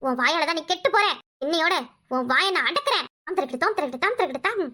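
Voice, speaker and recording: Brief: woman voicing a quick-tempered village woman for a cartoon, Kanyakumari Tamil accent, very high and bright. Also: big pitch swings, full character voice. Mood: possessed, commanding. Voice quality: shrill, scolding.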